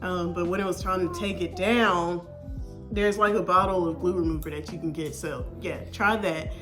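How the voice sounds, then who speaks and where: A woman's voice: on the low side, steady tone, normal speed, faint music behind. A woman hosting a reaction video, giving casual advice in a friendly tone and calling the viewer baby. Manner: warm, advising tone, calls the viewer baby.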